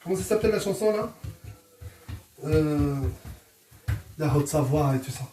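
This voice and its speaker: A man's voice: fairly high pitch, expressive, normal speed, warm tone. A man with a Moroccan accent chatting casually and jokily to viewers as he presents his home cooking. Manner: chatty, jokey, addresses viewers as friends. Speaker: host, home cook presenting a recipe. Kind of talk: casual cooking vlog chat. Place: indoors in a home kitchen. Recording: roomy, distant mic, faint noise.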